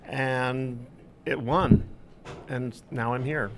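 A man's voice: medium pitch, fairly even intonation, extremely slow, very noisy. A man from Southern California answering interview questions in a hesitant, thoughtful way. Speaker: guest writer. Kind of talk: casual interview.

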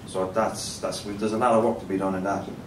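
A man's voice: level tone, quick pace. A man in his forties with an Irish accent, talking informally to an audience as an event speaker. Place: conference room with an audience. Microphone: handheld microphone. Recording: echoey, distant, noisy rumbling room sound.

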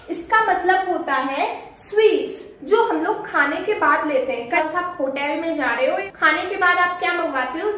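High-voiced Indian woman teaching English. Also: fairly bright tone. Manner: slow, drawn-out example sentences with repeated quiz questions. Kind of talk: pronunciation lesson. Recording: very echoey room, faint noise.

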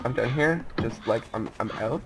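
A man's voice: medium pitch, normal speed, background noise. A young man hosting a gameplay video with friends, joking and rambling in casual commentary, with game sounds and voice chat behind. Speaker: gaming video host.

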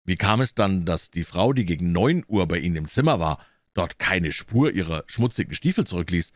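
A man reading a low, measured detective. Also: expressive, no room sound, studio quality. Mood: calm, probing. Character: shrewd calm male detective, middle-aged. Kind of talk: audiobook reading.

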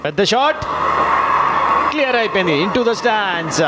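An Indian man giving excited live cricket commentary. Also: high voice, unhurried. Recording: very noisy outdoor broadcast ambience.

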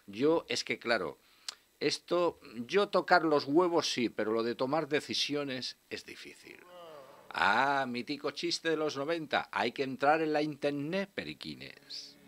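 Sardonic and animated, this sixties-aged male radio host swears freely through a comic monologue and banter with a guest. His mid-range voice keeps a measured pace, picked up by a studio mic in a small studio as he wears headphones.

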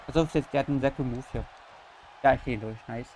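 A woman doing excitable gameplay commentary as a YouTuber, cheering on her wrestler and swearing bluntly. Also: very deep voice, fast talker, some chatter behind, slight background noise, low-quality recording. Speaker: gaming YouTuber.

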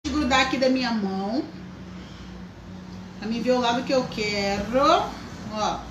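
Female craft host, high and bright, chatty, in an echoey room. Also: a little slow, noisy background. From Brazil. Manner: chatty, greets viewers by name. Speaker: craft teacher, live stream host. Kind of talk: live craft tutorial.

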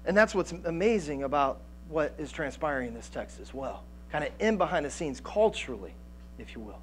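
A man in his thirties preaching a sermon on a church stage through a headset mic, animated, with frequent restarts and fillers. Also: on the high side, a little fast, a little hiss or hum. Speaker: pastor. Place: church stage with band gear, indoors.

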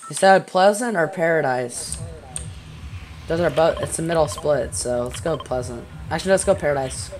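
A teenage boy streaming a video game, chatting in a rambling, excitable way with a friend and his chat. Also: fairly high pitch, moderate pace. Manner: excitable, rambling gamer banter. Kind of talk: casual gaming stream chat. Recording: noisy home gaming stream.

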